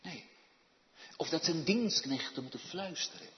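A man preaching in a high, lively voice that drops to near silence and then swells into loud, urgent calls. He speaks slowly and deliberately. The sound is dull, and a long church reverb trails each phrase. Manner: swings from hushed asides to loud urgent appeals. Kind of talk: sermon.

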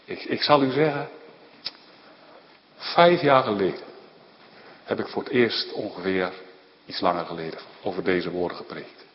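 A man preaching a sermon in speech, animated and emphatic, often asking his listeners short questions. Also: deep voice, moderate pace, pauses often. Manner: animated, rising to emphatic outbursts, frequent tag questions. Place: church. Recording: dull lo-fi recording in a reverberant hall with faint background noise.

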